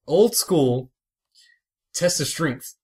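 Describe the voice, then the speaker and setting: A man's voice: a little high, drawn-out words. A man co-hosting a casual podcast, joking in a playful, mischievous way. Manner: playful, mischievous, deadpan jokes. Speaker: podcast co-host.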